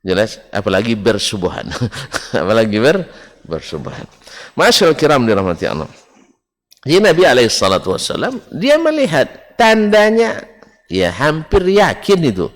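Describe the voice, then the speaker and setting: A man preaching a religious lecture to a congregation, often asking the audience if it is clear and chuckling along the way. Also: mid-range voice, wildly swooping pitch, moderate pace. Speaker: Islamic preacher teaching a book study. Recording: long hall reverb.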